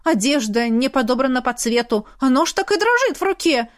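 A woman's voice: high-pitched, sing-song, a little fast, pitched above the performer's own voice. A woman narrator voicing a haughty, condescending older aristocratic lady in an audiobook. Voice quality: mannered, lecturing. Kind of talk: audiobook character voice.

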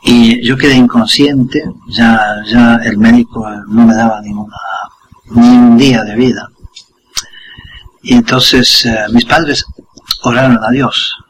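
An older man, a guest on a school radio program, telling a personal story in an unhurried way and acting out the scene with short asides. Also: medium pitch, fairly even intonation, a little hiss or hum, low-quality recording. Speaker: interview guest.

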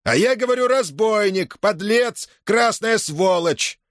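Guy reading a nasty general yelling high and harsh, totally dry sound. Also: animated, slow, no room sound, heavily acted. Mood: screaming. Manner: harsh, barking, furious interrogation.

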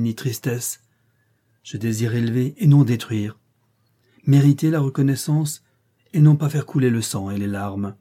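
A man reading the part of a brooding, masterful middle-aged nobleman in an audiobook, measured and teasing. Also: medium pitch, mellow, lightly acted.

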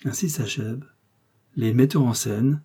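A man reading a novel aloud as an audiobook reader, in measured, even storytelling. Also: mid-range voice, breathy edge. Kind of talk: scripted narration.

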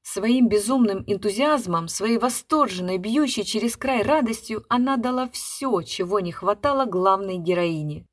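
A woman narrating a literary short story in an expressive storytelling manner. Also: medium pitch, moderate pace, few pauses. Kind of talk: literary reading.

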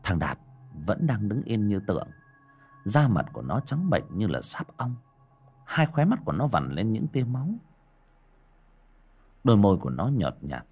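A male storyteller with a husky, low voice narrating a scripted horror tale. His delivery rises and falls in a lively, dramatic way, with faint music playing underneath.

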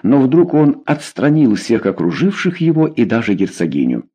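A man narrating a historical novel in an expressive, measured audiobook reading. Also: medium pitch, slightly rough, lo-fi sound.

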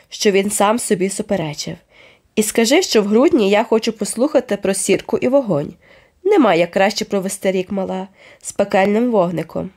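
A woman puts on a gruff older man in a storybook, loud and blunt, booming out his teasing remarks and chuckling at his own jokes. The voice is mellow and dark underneath, with pitch jumping higher as he pushes his point.

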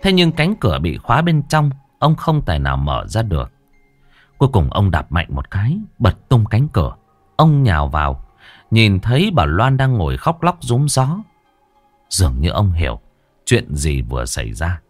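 Male horror narrator, very low voice, animated delivery, soft music bed. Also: dry recording. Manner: dramatic, lively storytelling with drawn-out pauses. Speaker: ghost story narrator. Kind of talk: scripted horror story narration. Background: faint music.

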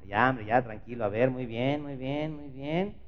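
A man's voice: medium pitch, unhurried, natural voice. A man voicing a blunt, overfamiliar middle-aged male surgeon with a Mexican accent. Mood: brusque chummy. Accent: Mexican Spanish. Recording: dull lo-fi recording.

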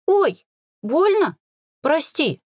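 A woman's voice: sits high, sing-song, drawn-out words, darkish tone, no echo, studio quality, pitched above the performer's own voice, heavily acted. A woman voicing an eager teenage lad. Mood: excited. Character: eager excitable teenage boy, chatty.

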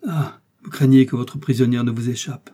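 A man's voice: medium pitch, steady tone, moderate pace, warm tone, breathy edge, close to an everyday voice. A man voicing Milady, a pleading scheming noblewoman. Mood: defiant. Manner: pleading, pathos-laden, theatrical. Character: scheming seductive noblewoman prisoner.

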